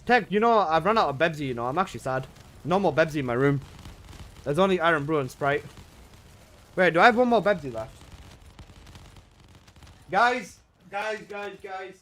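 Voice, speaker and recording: A young man banters with his live chat while he plays. His slangy, laid-back talk sits in a slightly higher register, and he is recorded from his room at home. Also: lively intonation, moderate pace, pauses often, a bit bright. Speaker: gaming livestreamer. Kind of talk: casual live-stream chat.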